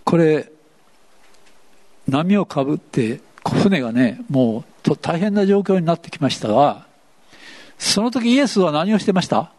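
Male pastor, chatty interactive sermon, bouncy and animated, slightly high voice. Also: measured pace. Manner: asks the congregation questions, playful and chatty.

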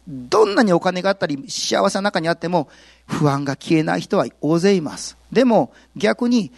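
A male pastor giving a sermon, telling the story with lively, acted-out quotes. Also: fairly high pitch, no room sound. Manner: animated storytelling, acts out quotes.

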